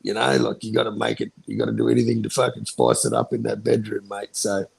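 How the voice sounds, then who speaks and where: Gravelly, low-voiced Australian man in his forties. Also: steady tone, quick pace, no room sound. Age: 40s. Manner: blokey Australian slang, heavy swearing. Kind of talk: casual group chat.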